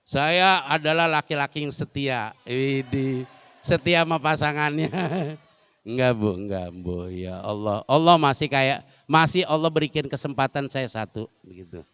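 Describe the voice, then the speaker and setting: A man's voice: mid-range voice, measured pace, fairly bright tone, clean tone, dry recording. A man teaching a humorous Islamic study lesson in a large mosque, joking and constantly quizzing the women listening. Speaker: religious teacher.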